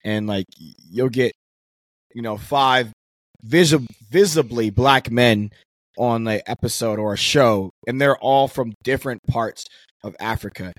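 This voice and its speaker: A man's voice: medium pitch, unhurried, no echo. A young man co-hosting a casual podcast, asking searching questions and hedging often as he talks. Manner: animated, asks searching questions, hedges with "like" and "I guess". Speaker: podcast co-host.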